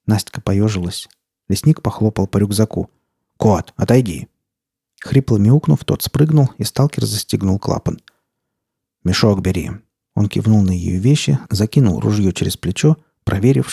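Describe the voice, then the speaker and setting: A man narrates an audiobook in a steady, measured way. His voice is husky and dark, and it is recorded close and dry with no room sound. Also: lowish voice, no echo. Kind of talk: scripted narration.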